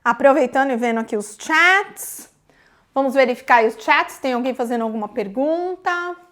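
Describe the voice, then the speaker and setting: Woman, Brazilian Portuguese accent, English teacher, live online class, high voice, animated delivery, checks in with "né?". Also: moderate pace. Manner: explains step by step, tags sentences with "né?".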